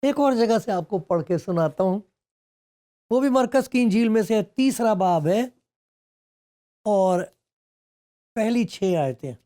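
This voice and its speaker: Mellow, higher-pitched male pastor preaching. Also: animated, pauses often. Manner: conversational preaching with many rhetorical questions; acts out the speech of people in the story. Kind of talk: sermon.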